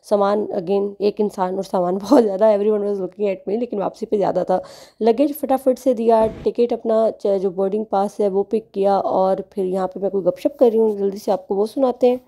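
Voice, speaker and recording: Mellow, chatty Pakistani woman vlogger. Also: mid-range voice, steady tone, moderate pace, creaky. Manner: chatty, mixes English phrases into speech. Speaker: travel vlogger. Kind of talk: casual travel vlog narration.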